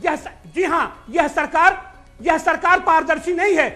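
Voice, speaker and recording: A man's voice: very high-pitched, steady tone, a little slow, pushed and bright. A man speaking as an opposition politician in a heated TV news debate, insistent and repeating himself as he talks over the anchor on a remote link.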